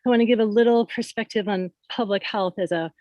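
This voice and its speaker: A woman's voice: mid-range voice, fairly quick, dull audio, slight background noise. A middle-aged woman who is a primary care provider speaks at a forum over a video call, nervous and conversational with many fillers. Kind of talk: public comment at a forum.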